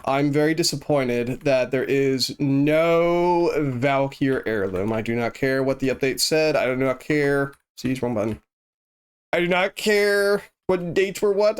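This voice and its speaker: This man has a clear, resonant, medium-pitched voice that's congested and slightly sniffly. Playing on a live stream, he talks loosely with his viewers, easygoing and rambling, often restarting as he thinks out loud.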